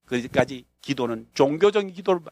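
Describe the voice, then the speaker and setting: A man from North Korea with a North Korean accent, a pastor and missionary telling a story in a sermon, acting out the scenes with bursts of shouting and laughter. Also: mid-range voice, expressive, a little fast, dry recording.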